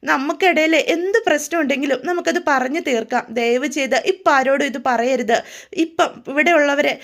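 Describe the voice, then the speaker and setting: A woman's voice: sits high, a little fast, a bit bright. A woman voicing a frightened young wife desperately begging her husband not to reveal a secret. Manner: desperate, pleading.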